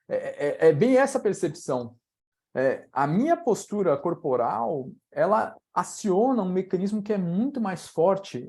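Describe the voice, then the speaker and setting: A Brazilian man with a Brazilian Portuguese accent mentors a live online audience, his voice high-pitched with a darkish tone. He talks casually, walking listeners through exercises and often using tag questions, in a live online coaching style.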